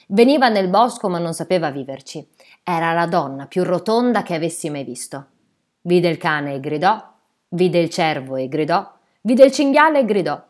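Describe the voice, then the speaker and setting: A woman with a somewhat low voice narrates a literary story in the first person. She tells it in a dry, matter-of-fact way, keeping an even storyteller's pace.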